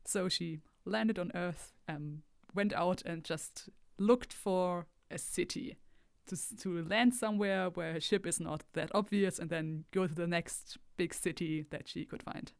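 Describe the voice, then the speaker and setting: Soft-spoken woman playing a tabletop game. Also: on the low side, a little slow, vocal fry, no echo, clean studio sound. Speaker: player. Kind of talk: casual tabletop game chat.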